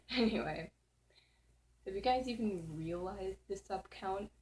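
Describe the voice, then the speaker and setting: A woman's voice: medium pitch, a little mellow, low-quality recording. Giggly teen girl rambling a spooky story. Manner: rambling, full of "like" fillers, giggly. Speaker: channel host. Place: at home. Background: faint background noise.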